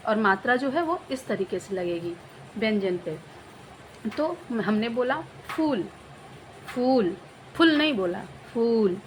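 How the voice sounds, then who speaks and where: Higher-voiced woman teaching Hindi vowel signs. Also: a little hiss or hum, low-quality recording. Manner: slow, drawn-out demonstration of sounds, repeating example words.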